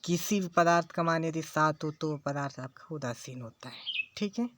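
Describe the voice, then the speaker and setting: A man's voice: on the high side, normal speed, noisy background. A man teaching a lesson, who repeats key phrases and keeps checking in with his listeners. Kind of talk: slow classroom lecture.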